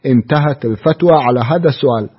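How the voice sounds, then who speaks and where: Radio host guy reading out a listener question, formal and steady, husky, lo-fi sound. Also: mid-range voice, quick pace. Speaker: radio program presenter. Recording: dull lo-fi radio recording.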